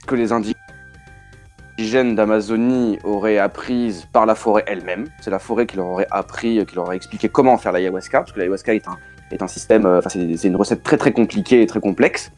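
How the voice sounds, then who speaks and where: A man with a fairly low voice explains a point in a group call, slowing down to choose his words and restarting phrases. Soft music sits faintly behind him. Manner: deliberate, explanatory, hesitant restarts. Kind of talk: casual group discussion over a call.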